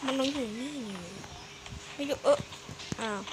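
High-pitched young-sounding gamer, very noisy recording. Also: moderate pace. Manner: slangy, muttering short reactions to the game. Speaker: gamer commentating while playing. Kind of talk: casual gameplay commentary. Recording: very noisy home gaming recording.

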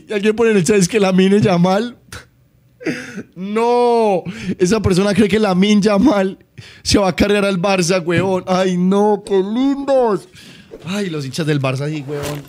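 A young man from Colombia with a Paisa accent, chatting excitably on a home live stream, swearing and teasing. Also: sits high, measured pace. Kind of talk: casual live-stream chat.

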